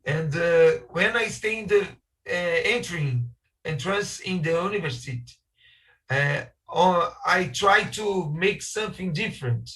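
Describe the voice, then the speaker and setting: Struggling through English as a second language, a Brazilian-accented architect delivers a halting webinar talk, hunting for words and restarting often. His bright, slightly high voice is animated, and he sits a bit distant from his video-call microphone.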